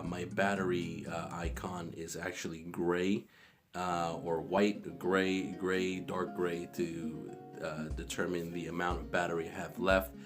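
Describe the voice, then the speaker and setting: Recording on a phone inside a cramped, echoey bathroom, a man chats about tech to the camera with a low-pitched voice. His delivery is casual and rambling, packed with fillers and restarts, while guitar music plays behind him.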